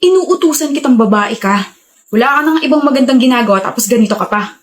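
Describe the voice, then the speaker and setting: A woman playing a pushy, manipulative young boyfriend in a skit, talking in a lowered, menacing way. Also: animated, fast, close to an everyday voice. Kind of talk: skit role-play.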